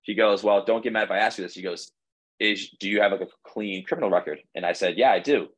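A young man with a low, easy voice recounts his story as a podcast guest. He rambles casually, restarting sentences and leaning on "like" as he goes. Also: quick pace, fairly bright tone, slightly rough, low-quality recording. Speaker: podcast guest, baseball pitcher.

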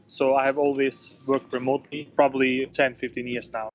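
A man's voice: medium pitch, little pitch movement, fairly quick, highs cut off, slight background noise. A man giving casual, informal interview answers as a guest, in hesitant phrases peppered with filler words. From Bosnia-born, grew up in Denmark. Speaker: interview guest, tech company founder.

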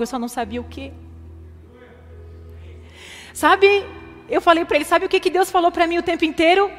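A woman pastor preaching a testimony sermon in a fervent, impassioned way. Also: high voice. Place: church hall. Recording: reverberant hall with faint music.

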